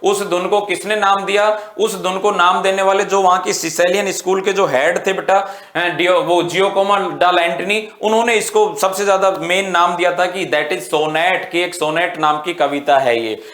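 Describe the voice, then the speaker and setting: A man's voice: high-pitched, fairly even intonation, moderate pace, few pauses, fairly bright tone, reverberant. A male teacher giving an exam-prep literature lecture, mixing Hindi with English terms and quizzing his students with rhetorical questions, calling them "beta".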